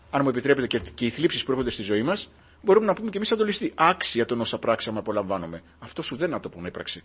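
A man's voice: a little high, slightly rough, dull audio. A man preaching a fervent sermon to his congregation, often breaking in with a refrain of thanks to God.

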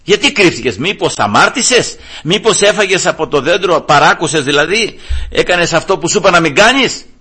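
God calls out as a stern divine father, probing with pointed questions, as a preacher acts him out. His husky voice rises high and lifts with emphasis. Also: lively intonation, pushed and bright, heavily acted. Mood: questioning.

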